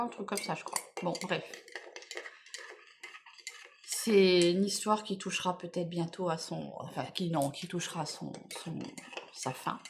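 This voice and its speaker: A woman's voice: medium pitch, a little hiss or hum. A middle-aged woman chatting casually through a morning makeup vlog, tired and rambling, often trailing off and getting back on track. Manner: rambling, chatty, full of "voilà" and "bon, bref". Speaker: beauty vlogger. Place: at home in the morning.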